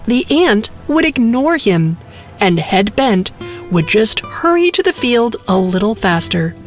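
A woman's voice: fairly high pitch, very animated, unhurried, soft background music. A woman narrating a scripted bedtime story for children.

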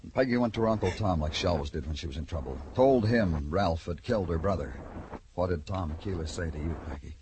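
An actor playing a dogged, hard-boiled detective in an old radio crime drama, terse and clipped. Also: male voice, sits low, fast, background noise, natural voice. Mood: grim, pressing.

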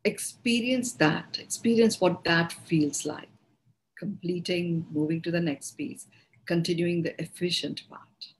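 A woman with an Indian accent hosting a podcast, talking through ideas in an unhurried, reflective way and often restarting words as she finds her phrasing. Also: lowish voice, rough recording. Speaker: podcast host and speaker on personal growth. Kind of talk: reflective spoken teaching.

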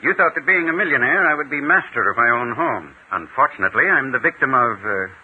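Genteel doomed millionaire, formal, polite, lively intonation, tinny old radio drama. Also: male voice, medium pitch, quick pace, husky. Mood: grave. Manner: polite, formal, matter-of-fact. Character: genteel, anxious millionaire uncle fearing he will be murdered. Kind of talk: 1940s mystery radio acting.

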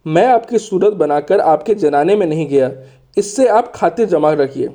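A man's voice: on the high side, animated, moderate pace, dark tone, lightly acted. A man voicing a courteous, shrewd spy in a storybook, polite and persuasive. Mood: polite, reassuring. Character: courteous, shrewd male spy, deferential strategist.

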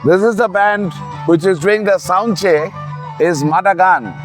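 A man's voice: high-pitched, measured pace. A man with an Indian accent explaining things as an interview guest, emphatically and with repeated phrases. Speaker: festival organiser, interview guest. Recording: faint music behind. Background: music.

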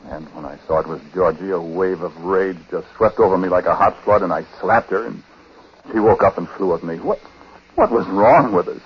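An actor playing a troubled, uneasy husband who narrates in a hesitant, conversational way in a 1940s radio drama. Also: male voice, low-pitched, normal speed, natural voice. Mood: agitated recounting. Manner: hesitant, conversational, breaking off and repeating words. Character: troubled husband, uneasy, recounting his own story. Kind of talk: 1940s radio acting, first-person confessional narration. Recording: muffled, noisy 1940s radio recording.

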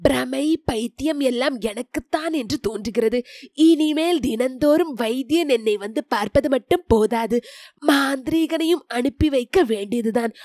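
A woman voicing an aging, troubled male emperor in an audiobook of a historical novel, speaking softly and in a measured way. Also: no echo. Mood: weary. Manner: soft and measured, spoken low.

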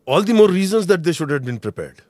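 A man's voice: fairly high pitch, very animated, quick pace, darkish tone, dry recording. A middle-aged man with an Indian accent explains intelligence matters as a guest expert, mixing Hindi and English as he goes. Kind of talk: explanatory interview analysis.

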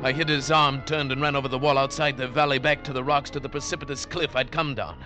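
Fast and natural, with mid-range pitch and fairly even intonation, an actor plays a desperate, hot-tempered man who is trapped, delivering intense, theatrical, haunted narration in 1940s-50s radio drama style. It sounds like an old radio broadcast with music underneath.

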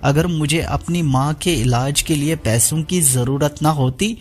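A guy voicing angry bitter young dude, harsh and shouty, bit high, soft music behind. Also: a little slow, natural voice.

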